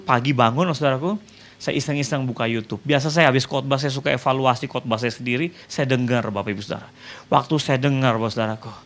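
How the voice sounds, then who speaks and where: A man's voice: medium pitch, a bit bright. A man preaching a sermon as pastor, telling a story and speaking straight to the congregation before leading a prayer. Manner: storytelling, addresses the congregation often, ends in prayer.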